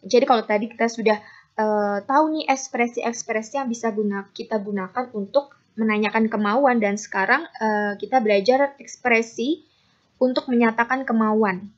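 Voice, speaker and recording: Indonesian lady teacher, kinda high voice, reads english lines super slow, muffled lo-fi sound. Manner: slow, drawn-out model sentences for repetition. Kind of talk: online class lesson. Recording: muffled lo-fi recording.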